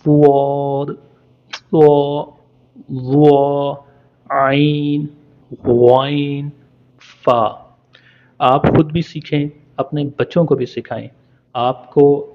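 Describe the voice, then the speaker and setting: A man's voice: mid-range voice, a little mellow. A man teaching Arabic letter pronunciation in a spoken lesson, patiently stretching out each sound for practice. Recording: dull lo-fi recording.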